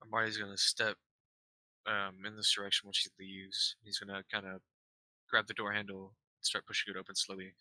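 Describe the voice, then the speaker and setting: A man's voice: fairly low pitch, monotone, brisk, bright, forceful tone, no echo, low-quality recording. A man playing a tabletop game, describing his character's actions and stammering with many fillers. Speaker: player.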